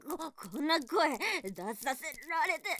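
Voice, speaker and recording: A woman's voice: high-pitched, animated, a little slow, a bit bright, heavily acted. Woman voicing a snarling defiant young woman. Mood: flustered, panting. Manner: rough, coarse street talk, snarling threats; stammering and panting between words. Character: defiant foul-mouthed captive young woman. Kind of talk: adult audio drama.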